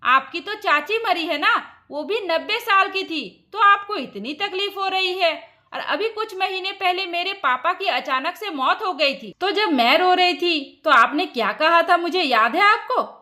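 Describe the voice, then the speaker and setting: A woman's voice: very high-pitched, lively intonation, a little slow, bright, forceful tone, full character voice. A woman voicing a grieving young daughter-in-law who speaks reproachfully to her mother-in-law. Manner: pointed, reproachful.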